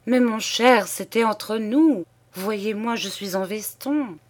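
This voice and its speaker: A woman's voice: mid-range voice, slow, pitched above the performer's own voice. A woman reading an audiobook, voicing a jovial, blustering middle-aged clerk who plays the eager host. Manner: loud and hearty.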